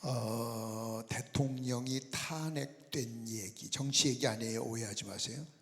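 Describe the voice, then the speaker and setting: A male pastor delivers a sermon and prayer in an earnest voice of middle pitch. He often sinks to a hushed, near-whispered tone to press a point. His voice rings with the long reverb of a large prayer hall. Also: measured pace. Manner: earnest, drops to soft near-whispers for emphasis.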